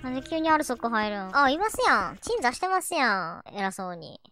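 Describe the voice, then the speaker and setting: Speaking briskly in a slightly high voice with big pitch swings, a Kansai-accented woman streams a game. She chats, teases, and addresses the characters directly while loud game music plays behind her.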